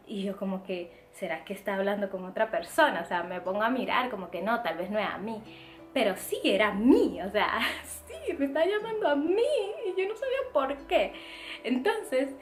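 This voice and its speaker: A young woman from the Republic, telling a casual storytime in a chatty, expressive way full of fillers. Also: on the high side, slight background noise. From Dominican Republic. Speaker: vlogger. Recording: echoey room, faint music.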